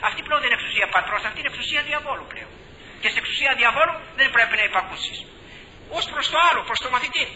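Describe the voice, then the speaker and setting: An older priest delivers a fiery sermon, his voice very high-pitched and sharply bright. He swings between impassioned shouting and hushed, dropped tones. The recording sounds dull and lo-fi, with a faint hiss underneath. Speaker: Orthodox priest.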